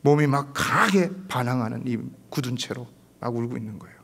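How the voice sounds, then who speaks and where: A man preaching a sermon as pastor, swinging from loud, rising exclamations to hushed, near-whispered storytelling. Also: mid-range voice, brisk, husky. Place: church sanctuary.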